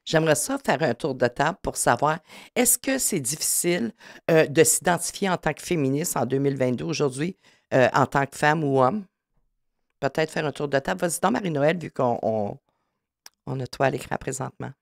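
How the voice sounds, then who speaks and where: A moderator runs a panel discussion. They put questions to each guest and hand the turn to the next person. The voice has a middle pitch and sounds dry and close to the mic. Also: lively intonation, a little fast, vocal fry, no echo. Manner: inviting, asks questions, passes turns.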